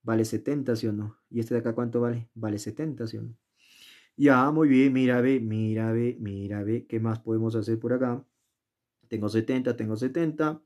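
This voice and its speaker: At a moderate pace and with fairly even intonation, a man with a darkish mid-range voice works through a geometry problem. He's a casual, talkative tutor who keeps asking the viewer questions and narrating his own steps. The overhead shot shows his worksheet at an indoor desk.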